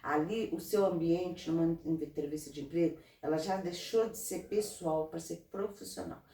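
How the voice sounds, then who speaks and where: A woman from Brazil, a guest in an interview, giving earnest, animated advice in casual talk. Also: fairly low pitch, moderate pace, gravelly. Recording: roomy, from a distance off mic.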